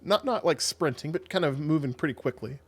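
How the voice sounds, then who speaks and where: A man's voice: fairly high pitch, expressive, a little fast, breathy edge. A man narrating a tabletop game as game master in a casual, hedging way.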